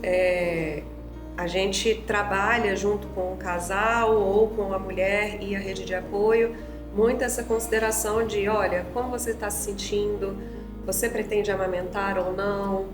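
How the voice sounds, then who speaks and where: A woman psychologist with a Brazilian accent, calmly explaining things in a casual interview. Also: mid-range voice, normal speed. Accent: Brazilian Portuguese. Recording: roomy sound with music behind.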